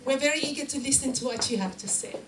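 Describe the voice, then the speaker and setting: A woman hosting a live talk show, introducing and interviewing a guest with emphatic, deliberate phrasing. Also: high-pitched. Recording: echoey room, distant mic, noisy.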